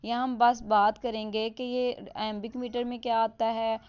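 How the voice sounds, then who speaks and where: A woman with a smooth, clear voice explains a lesson step by step. She mixes English terms into her Hindi and reads the example lines slowly. The recording sounds a little dull and lo-fi. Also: a little high, flat delivery. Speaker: teacher.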